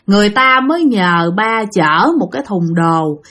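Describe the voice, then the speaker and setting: A storyteller shares ghost stories in a chatty, vivid style, speaking straight to her listeners in casual, spooky narration. Her medium-pitched voice is a bit bright, with lively intonation and a moderate pace.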